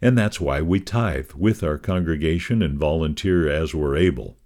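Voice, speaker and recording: A man giving a measured, expressive scripted reading of a devotional magazine column. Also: very deep voice.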